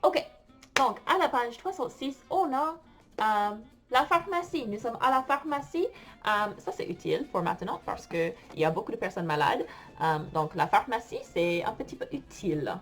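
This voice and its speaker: A woman's voice: a little high, expressive, fairly bright tone, faint music behind. A woman teaching a French lesson online, explaining vocabulary in a playful way and sometimes singing for her students. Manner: slow, playful, explains words and sings for students.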